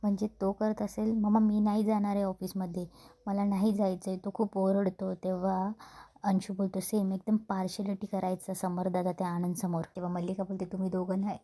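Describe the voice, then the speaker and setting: Woman recapping a serial, mellow and flat. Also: mid-range voice. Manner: quick plain retelling, lifting her voice a little for quoted lines. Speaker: serial episode recap narrator. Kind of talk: retelling a TV serial episode, voicing the characters' lines.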